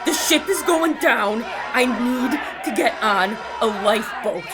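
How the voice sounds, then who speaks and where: An actor playing a desperate soldier with folksy, rough slangy talk in an audio drama. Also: mid-range voice, lively intonation, measured pace, shouting, natural voice. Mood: frantic, threatening. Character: panicked gunman soldier, desperate, later weak and dying. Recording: music and crowd din behind.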